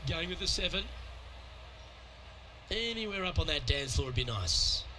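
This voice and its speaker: A man working as the lead golf commentator in a sports video game, calling play in a measured, composed broadcast style. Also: a little high, lively intonation, bright, forceful tone, slight background noise. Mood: composed, approving.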